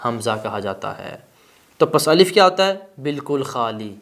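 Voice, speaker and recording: In a gravelly, slightly bright voice of medium pitch, a very animated man teaches Arabic grammar. He asks himself rhetorical questions over and over and supplies the answers, and he slows to spell each example word aloud.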